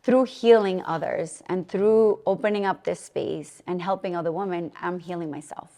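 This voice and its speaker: Here the Colombian fitness coach and gym owner, an interview guest, talks in a lowish, mellow voice at a moderate pace. Her tone is earnest and reflective, and a long reverb tail hangs on the audio of this personal conversation.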